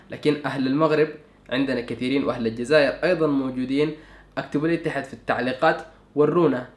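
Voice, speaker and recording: A man's voice: mid-range voice, echoey room. A young man with a Sudanese Arabic accent, chatting casually in a vlog and thinking aloud with lots of fillers. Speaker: YouTuber.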